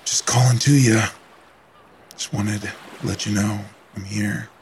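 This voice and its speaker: A man voicing the Sea as an eerie, hushed, beckoning seducer in a spoof radio advertisement. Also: on the low side, fairly even intonation, unhurried, a little hiss or hum, voice pushed down.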